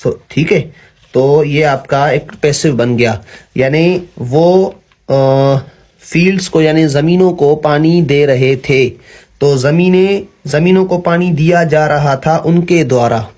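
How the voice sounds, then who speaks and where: Mellow-voiced man teaching grammar patiently. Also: fairly high pitch, takes it slowly. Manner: patient, repeats "ठीक है", frequent fillers and self-corrections. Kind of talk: classroom-style explanation.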